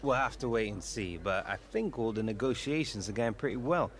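A man's voice: mid-range voice, animated, faint music behind, natural voice. A man voicing a young male footballer in a video game, upbeat and confident in a post-match interview. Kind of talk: scripted game dialogue.

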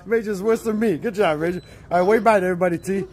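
A man hosting a prank challenge, loudly teasing and laughing as he films his friends. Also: high voice, fast talker. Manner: laughing, egging people on. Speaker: host filming a challenge. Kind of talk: loud teasing commentary. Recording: noisy background.

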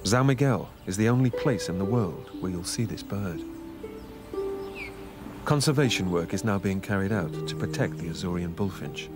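Male nature documentary narrator, lowish voice, measured and informative, over a music bed.

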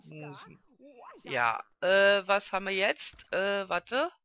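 A man's voice: high voice, animated, takes it slowly, bright, forceful tone. A man hosting a casual Let's Play, chatting and talking fondly to the characters on screen. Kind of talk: casual gameplay commentary.

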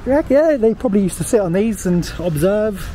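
An English vlogger speaks fairly quickly in a high, dark voice with lively intonation as he walks busy city streets. He rambles casually with lots of fillers into a handheld camera at arm's length. Street ambience and traffic make the outdoor recording noisy.

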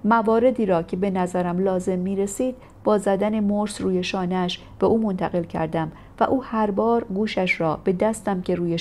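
A woman narrating a first-person memoir in a steady, measured audiobook reading. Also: mid-range voice, slight background noise. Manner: steady, measured storytelling delivery.

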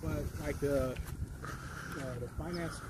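A man with a slightly high voice chats casually while walking with a handheld camera. The recording is noisy, with clear ambience around him. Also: steady tone, a little slow, a little mellow. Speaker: vlogger filming in public buildings. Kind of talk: casual chat while filming on foot. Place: walking around a civic campus, outdoors and in a public lobby. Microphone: handheld camera mic.

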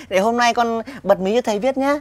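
A woman's voice: fairly high pitch, moderate pace, dry recording, natural voice. A woman playing a young pupil who giggles constantly while answering politely and cheekily. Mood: giggly.

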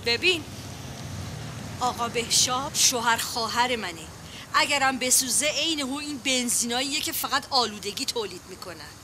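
A woman's voice: on the high side, noisy background, lightly acted. An actress playing a protective, fussing aunt and mother who lectures in folksy sayings. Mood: lecturing. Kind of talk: Persian TV comedy series acting.

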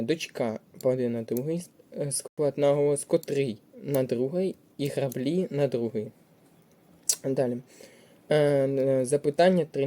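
Dark-voiced man explaining a language test. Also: mid-range voice. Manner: plain, methodical, with frequent hesitations. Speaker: teacher. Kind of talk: test walkthrough lesson.

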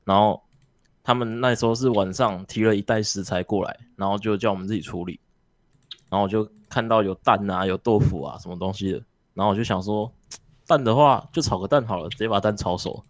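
A man's voice: fairly low pitch, fairly quick, no room sound. A man telling a story in a casual group chat, swearing casually as he goes.

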